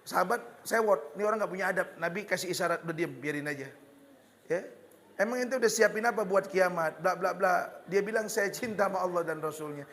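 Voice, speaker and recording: A man with a Betawi accent preaching a lively, joking sermon, slipping into Betawi slang. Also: sits high, a little fast, big-room sound. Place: hall with religious gathering.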